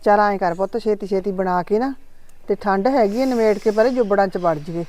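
A woman's voice: mid-range voice, brisk, darkish tone, close to an everyday voice. A woman playing a worried middle-aged mother who frets and scolds in homely village talk. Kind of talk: village family drama acting.

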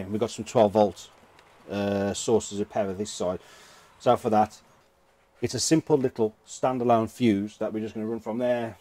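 A British man with a mellow, medium-pitched voice gives a casual, hands-on DIY vehicle how-to. Recorded dry, he thinks aloud informally as he works.

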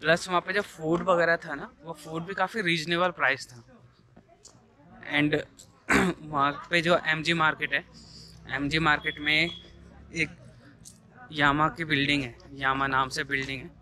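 A man's voice: fairly high pitch, little pitch movement, a little slow, long pauses, pushed and bright. A young man on a travel vlog, filming himself at arm's length outdoors and chatting about his plans. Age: young adult. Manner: chatty, explains plans to viewers. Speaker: travel vlogger. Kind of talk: casual travel vlog narration. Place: outdoors on a hillside road. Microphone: camera held at arm's length. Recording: outdoor noise in the background.

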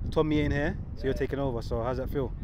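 A man's voice: mid-range voice, fairly even intonation, fast, background noise. A man in his twenties with a London accent, chatting casually in slang as a sideline interviewer. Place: outdoor football pitch. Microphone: handheld. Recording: outdoor chatter behind.

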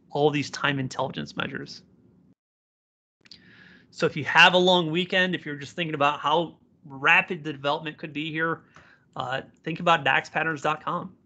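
A man giving an informal live software tutorial, speaking to learners directly and encouragingly as their instructor. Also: fairly high pitch, steady tone, normal speed, long pauses. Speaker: software instructor, community presenter.

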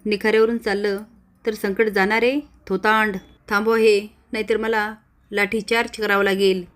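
A stern male police officer barks threats and orders at villagers in a retold serial, as a woman narrator puts him on. The voice stays level and flat, with little rise or fall. He lectures more than he shouts. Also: medium pitch, moderate pace, lightly acted. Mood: stern, threatening.

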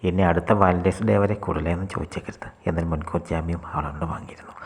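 A male storyteller reads a short story in a very husky, breathy voice that keeps slipping into a whisper. His pitch sits low and barely moves. He reads quickly.

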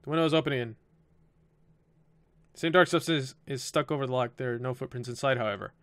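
A man's voice: medium pitch, fast, clear, resonant tone, dry recording. A man doing gameplay commentary on a horror game, reading the game text aloud and swearing and joking as he plays. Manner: swears and jokes at jump scares. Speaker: let's play gamer.

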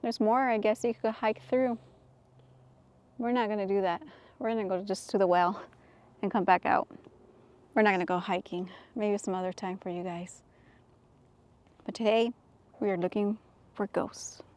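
A woman vlogging outdoors on a hiking trail, chatting casually and breaking into excited exclamations and hushed whispers. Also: medium pitch, moderate pace, long pauses. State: out of breath. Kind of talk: casual walking vlog.

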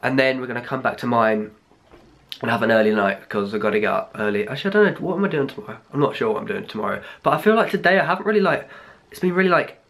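A man's voice: mid-range voice, animated, very fast, vocal fry, fairly bright tone. A young man, rambling casually to the camera in a vlog, sounding a bit ill with a blocked nose. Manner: rambling, chatty. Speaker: vlogger.

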